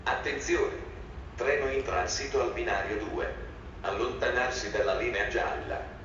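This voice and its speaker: A man making a formal, measured, scripted train station announcement over loudspeakers. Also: medium pitch, recorded from a distance, lo-fi sound. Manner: formal, measured public-address delivery. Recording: echoey station PA from afar, loud train noise. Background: loud trains and station ambience.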